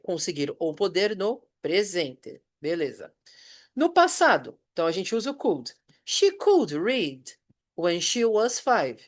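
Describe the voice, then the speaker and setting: This is a recorded review lesson from a patient English teacher, a Brazilian man with a high voice and a Brazilian Portuguese accent. Reading his example sentences slowly, he pauses to check in through brief questions.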